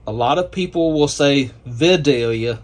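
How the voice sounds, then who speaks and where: A man's voice: a little high, unhurried. A man with a Southern Georgia accent giving a casual, folksy walkaround tour, explaining things step by step outdoors. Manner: folksy, explanatory, lists items one by one. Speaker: vlogger, homestead channel host. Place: outdoors at a farm lot, by a trailer and van. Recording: outdoor video with clear background noise.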